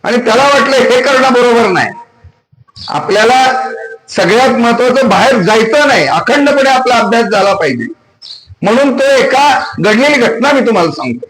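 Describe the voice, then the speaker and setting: Male preacher, very high voice, emphatic storyteller, roomy echo. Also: animated, normal speed, over a noisy crowd. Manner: storytelling, emphatic, repeats phrases. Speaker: kirtan preacher. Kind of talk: devotional sermon to students.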